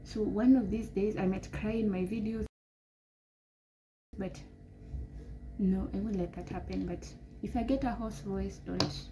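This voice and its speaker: A woman's voice: medium pitch, fairly even intonation, unhurried, pauses often, warm tone. A woman, giving rambling, emphatic advice to camera as a vlogger. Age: 20s. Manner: rambling, emphatic, pep-talk tone. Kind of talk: casual advice talk to camera. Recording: noisy background.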